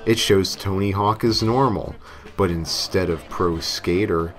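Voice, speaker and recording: Novelty songs and game music run behind a man with a low voice who narrates a scripted story without hurrying. He takes a tongue-in-cheek approach, hamming up some of his lines.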